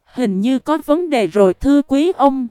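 A woman's voice: high-pitched, lively intonation, moderate pace, warm tone, smooth, no room sound, clean studio sound. A woman reading the lines of a polite, formal male game-show host in a story. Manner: formal, courteous.

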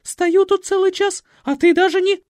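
A male narrator voicing a hysterical older mother who shrieks in panic. The voice leaps far up, shrill and loud. The recording is dry and close. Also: unhurried, dry recording. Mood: shrieking. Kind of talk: audiobook character voice.

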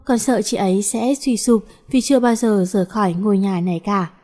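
A woman voicing a gentle teenage girl who coaxes and comforts her cousin. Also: mid-range voice, brisk, close to an everyday voice. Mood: coaxing. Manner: soft, coaxing.

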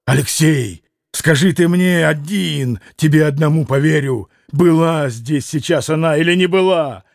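A man's voice: on the high side, measured pace, vocal fry, no room sound, studio quality. A man voicing a hot-tempered, violent young man who bursts out in heavy, gasping, vehement lines. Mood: furious.

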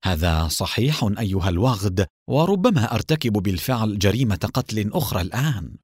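A man's voice: lowish voice, fairly quick, breathy edge, no room sound, studio quality. A man voicing a cool, mocking secret agent. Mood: calm mocking. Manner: calm, sarcastic.

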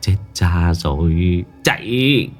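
Man doing a gruff young exorcist. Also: low voice, expressive, drawn-out words, soft background music, pitched below the performer's own voice, exaggerated voice. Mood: urgent. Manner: gruff, urgent. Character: young male exorcist, tough and blunt.

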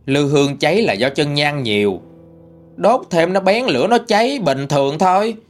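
A man's voice: on the high side, very animated, normal speed, soft background music. A man voicing a defiant middle-aged widow, answering indignantly and dismissively.

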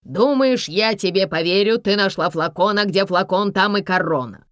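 A woman's voice: medium pitch, moderate pace, no echo, clean studio sound, natural voice. A woman voicing a ruthless older man who threatens and barks orders in a mocking tone. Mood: menacing. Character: ruthless older man, menacing villain with a revolver.

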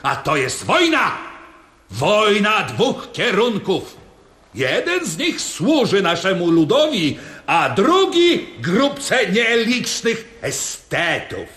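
A haranguing party official in a radio drama, slow and theatrical with a high, swooping voice. The sound is roomy and echoing, with a faint crowd murmur behind him. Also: male voice, big pitch swings, bright, forceful tone, heavily acted. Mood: scolding. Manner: declamatory, mocking and repetitive. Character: stern, bombastic male Soviet party official.

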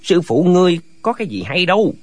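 One man acts out a group of foolish male martial hermits bickering endlessly in a radio drama, their quarrel looping as each line picks at the last. The husky voice is high-pitched and lively in its swings, spoken fast in a dry recording.

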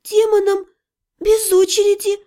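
A woman voicing a frightened young female mage who squeaks and babbles in fear. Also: measured pace, darkish tone. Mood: flustered. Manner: squeaky, bleating, flustered.

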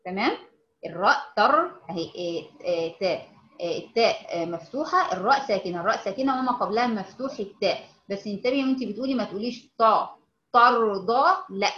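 A woman with an Egyptian Arabic accent teaching recitation, explaining patiently and modeling words slowly with repetition. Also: mid-range voice, roomy sound, lo-fi sound. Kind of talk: informal online lesson.

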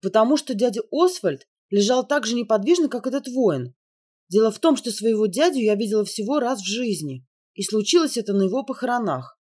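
A woman voicing a sharp young woman who speaks bluntly and matter-of-factly, with a dry wit. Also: on the high side, lively intonation, a little fast, breathy edge. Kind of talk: audiobook character reading.

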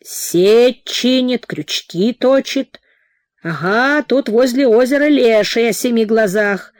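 A woman's voice: fairly high pitch, no room sound, studio quality, pitched above the performer's own voice. A woman reading a storybook, voicing a frenzied male shaman who chants and wails in a trance. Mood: visionary. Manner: chanting, wailing cries, drawn-out calls. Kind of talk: audiobook reading.

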